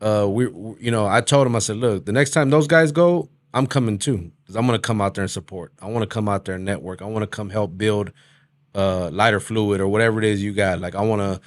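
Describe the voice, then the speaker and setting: Male host, lowish voice, dry studio-close sound, loose slangy conversational delivery. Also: a little fast, dry recording. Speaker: interview host. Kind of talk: casual chat.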